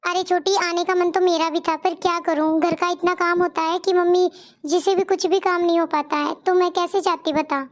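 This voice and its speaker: A woman voicing a polite, dutiful young married daughter-in-law in a cartoon story, with a high, squeaky voice. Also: flat delivery, moderate pace, lo-fi sound. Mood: friendly. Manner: polite, pleading.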